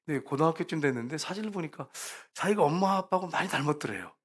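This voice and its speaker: Higher-voiced storytelling male pastor. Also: animated, fast talker. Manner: storytelling preacher, acts out quoted voices, rising to emphatic peaks. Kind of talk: sermon.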